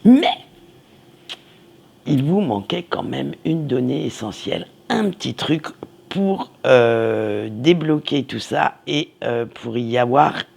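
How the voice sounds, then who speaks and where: A man giving a weekly tarot reading, slow and meandering, reassuring, with many fillers. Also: mid-range voice, expressive, gravelly, darkish tone, breathy edge. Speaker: tarot card reader.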